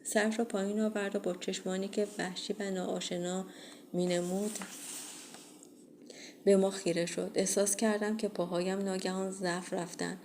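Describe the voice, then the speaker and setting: A woman reading a first-person horror audiobook in a steady, measured way. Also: mid-range voice, a little hiss or hum. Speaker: audiobook reader.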